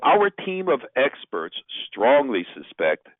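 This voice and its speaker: A man leaves an upbeat mock voicemail message, his pitch lifting as he speaks. The sound is tinny and phone-like, with a dry, close feel and no room around it. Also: wildly swooping pitch, slow pace, dry recording. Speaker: sales trainer. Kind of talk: acting out sample voicemail messages.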